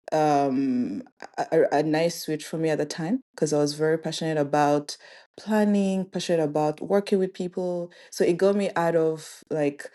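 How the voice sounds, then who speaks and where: A young woman from Rwanda talking about her career as a podcast guest, relaxed and thoughtful, with frequent ums. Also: deep voice. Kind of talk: casual interview chat.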